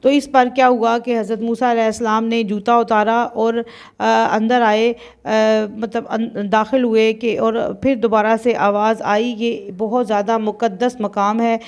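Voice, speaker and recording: A woman hosting her channel and telling a religious story in a hesitant way, with many drawn-out fillers. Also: fairly high pitch, flat delivery, darkish tone.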